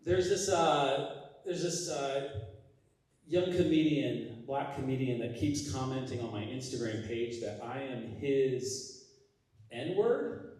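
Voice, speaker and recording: A man doing a stand-up comedy set on a theater stage, with a halting, deadpan delivery full of fillers. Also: medium pitch. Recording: roomy hall sound from a distance. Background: audience laughing.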